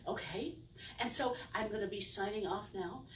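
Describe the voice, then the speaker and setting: A woman's voice: medium pitch, moderate pace. A middle-aged woman performing as a kids' party magician, playful and theatrical with exaggerated wonder and mock confusion, talking to her audience. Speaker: children's magician and circus performer. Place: indoor room with a small curtained stage. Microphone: distant camera. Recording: roomy, distant camera sound with faint noise.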